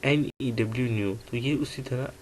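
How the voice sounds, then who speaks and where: A man gives a recorded language lesson, walking through letters and tones one at a time. His pitch sits in an ordinary middle range. A faint hiss runs under the recording. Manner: slow, explanatory, spells out letters one by one. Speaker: language teacher. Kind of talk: online lecture.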